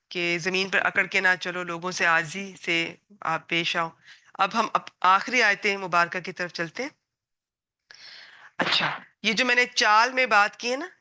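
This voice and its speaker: Bright-voiced woman teaching a Quran class. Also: mid-range voice, clear, resonant tone. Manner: gentle, earnest, advising. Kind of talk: religious lesson to women.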